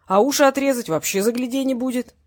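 A rough male enforcer trading grim jokes, played by a woman narrating an audiobook. The voice is raised and loud above her usual reading, and husky. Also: sits high, quick pace, no echo, voice pushed up. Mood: sardonic. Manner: dry, grim joking.

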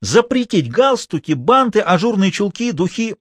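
A stern teenage boy pronounces bans like decrees, blunt and sure of himself, as a male reader puts him on. His voice sits a little high and moves with lively pitch. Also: normal speed, dry recording.

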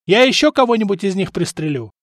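Weary male archer in a fight read by a man: shouted, urgent, somewhat high, dry close audiobook sound. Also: sing-song, brisk, no echo. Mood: shouting. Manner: shouted, urgent battle calls. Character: weary armored male archer, grim under fire.

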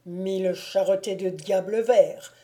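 Woman putting on a gruff blustering old baron. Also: medium pitch, fairly even intonation, slow, natural voice. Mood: teasing, bluff. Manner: loud, teasing and commanding. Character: gruff blustering male noble wolf-hunter baron.

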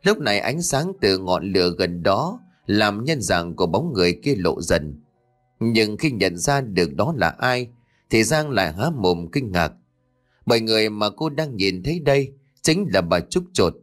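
Male storyteller narrating a ghost story, low-pitched and animated, faint music bed. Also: moderate pace. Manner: lively, voices each character himself. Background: soft background music.

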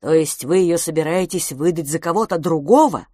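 A woman reads a jealous young suitor with a quick temper. He speaks in brusque, challenging bursts. The recording is dry and close, with a slightly low voice. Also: warm tone, slightly rough, dry recording. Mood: indignant.

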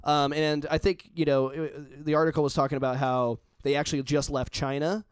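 A man's voice: fairly high pitch, little pitch movement, fairly quick, clean tone, no echo, clean studio sound. A man co-hosting a casual podcast chat, teasing the others and laughing easily. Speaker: podcast co-host.

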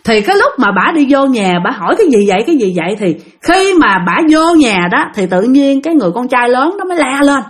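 A woman narrates a folk ghost tale, chatting directly to her audience. Her voice sits a little high and swings widely in pitch as she tells it. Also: very animated, brisk, hardly any pauses. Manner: chatty, addresses listeners directly. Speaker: storyteller. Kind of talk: casual ghost-story narration.

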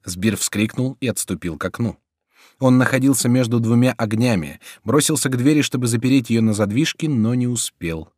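A man's voice: medium pitch, expressive, moderate pace, a little mellow, no room sound, clean studio sound. Man narrating a dramatic audiobook. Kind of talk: scripted narration.

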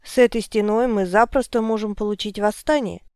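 Woman voicing a grumpy old male wizard, indignant, storybook reading, smooth clear voice, dry close sound. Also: mid-range voice, fairly quick, darkish tone, dry recording, close to an everyday voice. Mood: grumbling. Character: gruff older male wizard, irritable. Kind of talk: audiobook character reading.

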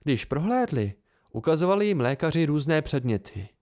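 A man's voice: fairly high pitch, very animated, darkish tone. A man voicing an earnest young female student who explains insistently.

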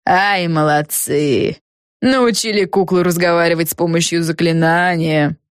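A woman's voice: lowish voice, normal speed, no echo, clean studio sound, close to an everyday voice. A woman voicing a scheming, nasty witch girl who sneers and barks her lines. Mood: sneering. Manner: sneering, barking.

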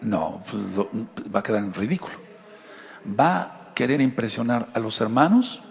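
A man's voice: mid-range voice, very animated, moderate pace, vocal fry, long reverb tail. A man with a Mexican accent, giving a conversational sermon as a Torah teacher and asking his listeners rhetorical questions. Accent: Mexican Spanish.

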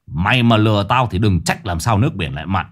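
A gruff, impatient old exorcist, voiced by a male narrator barks short orders. His talk is curt and bossy. It suits a spoken ghost story. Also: animated, fast. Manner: curt, bossy, low growl.

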